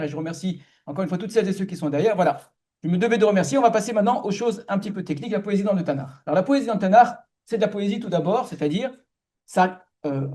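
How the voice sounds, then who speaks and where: Rabbi lecturing with many hesitations. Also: male voice, sits high, mellow. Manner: explanatory, many hesitations and restarts, asks the audience rhetorical questions. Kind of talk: lecture to an audience.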